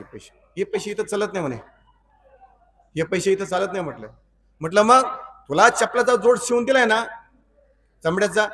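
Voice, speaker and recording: High-voiced preacher telling a story. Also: male voice, a bit bright, distant mic. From Maharashtra, India. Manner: asks the audience rhetorical questions and repeats lines; acts out dialogue between characters in the story. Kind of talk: storytelling sermon.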